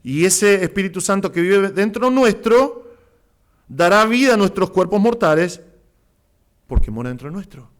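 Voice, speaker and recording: A male pastor with a Rioplatense Spanish accent, preaching an impassioned sermon that swings between loud exclamations and hushed asides. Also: sits high, lively intonation, normal speed. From Argentina.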